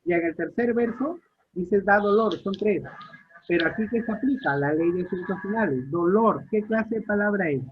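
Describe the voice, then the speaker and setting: A man with a high, slightly husky voice teaches an online literature class. He keeps asking his students questions and repeats each key point. The sound is thin and narrow, like a phone line. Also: expressive, normal speed. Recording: tinny phone-like audio line.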